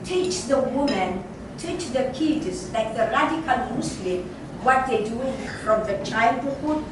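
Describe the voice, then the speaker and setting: A woman in her sixties from Ethiopia speaks slowly and earnestly, circling back over her words as she asks her question. She sounds distant from the mic, and the room is very echoey with clear restaurant noise around her. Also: on the high side, animated. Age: 60s. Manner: halting, repetitive, earnest phrasing. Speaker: audience member asking a question. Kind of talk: impassioned question from the floor. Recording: roomy, distant, noisy restaurant.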